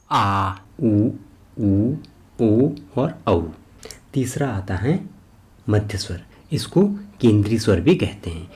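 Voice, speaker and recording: Male teacher for an exam-prep lesson, slightly low voice, methodical, answers his own questions. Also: a little mellow. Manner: slow and methodical, spelling out each sound one by one; asks a question and then answers it himself.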